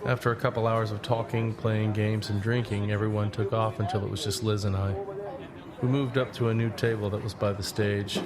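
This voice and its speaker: In a scripted audio drama, an actor narrates as the lead character, a reflective young man back from a long walk, telling his own story. His natural, lowish voice is level and brisk, set against a noisy crowd.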